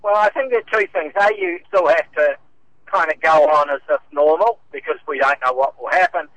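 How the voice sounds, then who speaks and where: Man on a car speakerphone, bright voice. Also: fairly high pitch, fairly quick, a little hiss or hum, poor audio. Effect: speakerphone call from a moving car. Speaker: bridge association chairman, radio guest. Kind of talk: casual phone-in chat.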